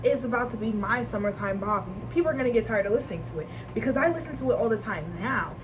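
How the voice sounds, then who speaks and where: With lively intonation and a slightly high voice, a young woman from Nigeria chats casually on her vlog, rambling along with slang and bursts of laughter. The home recording carries clearly audible background noise.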